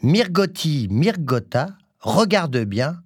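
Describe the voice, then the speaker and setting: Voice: medium pitch, sing-song, slow, breathy edge, no room sound, studio quality, heavily acted. A storyteller voicing a bumbling magician baker who chants spells. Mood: chanting. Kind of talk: storybook reading.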